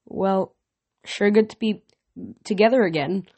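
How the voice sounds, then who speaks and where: A woman reading the lines of a gentle, grieving young male satyr in a storybook reading, speaking softly and with hesitation. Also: medium pitch, measured pace, natural voice.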